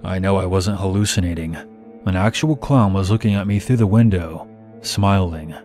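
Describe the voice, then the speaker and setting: Low-voiced man narrating a horror story. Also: moderate pace. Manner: steady first-person storytelling. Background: faint music.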